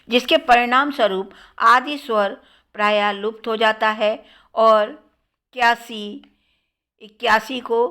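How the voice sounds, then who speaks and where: Female lecturer, bright tone, very deliberate pace, reads out forms item by item. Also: on the high side. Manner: measured, listing word forms one by one. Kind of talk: slow academic lecture on Hindi dialects.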